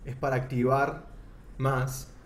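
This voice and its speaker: Speaking slowly in a medium-pitched, level voice, a young Argentine man gives his testimony of faith during a relaxed interview. He is sincere but keeps groping for words and starting sentences over, recorded in an echoey space with faint noise behind him.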